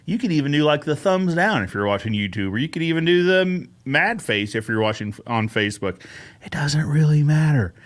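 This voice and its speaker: Friendly male host for a casual live Q&A stream, slightly high voice, chatty and upbeat, greets his audience by name. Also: animated, a little fast.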